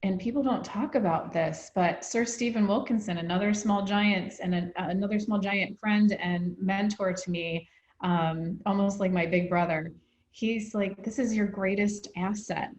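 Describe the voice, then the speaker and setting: A woman's voice: mid-range voice, fairly even intonation, unhurried, darkish tone, echoey room. A woman hosting an interview, talking in an earnest, reflective way. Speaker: host. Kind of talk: conversational interview.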